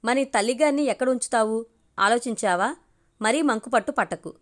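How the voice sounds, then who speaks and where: A woman's voice: fairly high pitch, normal speed, close to an everyday voice. A woman voicing a proud, sneering middle-aged husband in a storybook reading, talking in a mocking, scornful way.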